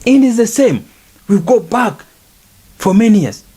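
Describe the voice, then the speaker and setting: A man's voice: high voice, big pitch swings, a little slow, mellow, breathy edge. A middle-aged man, speaking on a podcast in an earnest, repetitive, preaching manner about faith and culture. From Rwanda. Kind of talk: reflective monologue on faith and culture.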